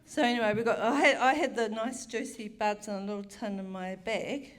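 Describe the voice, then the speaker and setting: A woman's voice: mid-range voice, fairly even intonation, fairly quick. A middle-aged woman telling a comic story on a theatre stage, frank, bawdy and self-mocking, with chatty asides.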